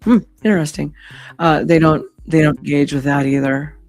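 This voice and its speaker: A woman with a hoarse, gravelly voice, losing it to laryngitis, hosting a casual live stream in a blunt, sweary manner. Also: sits low, moderate pace, darkish tone, faint music behind.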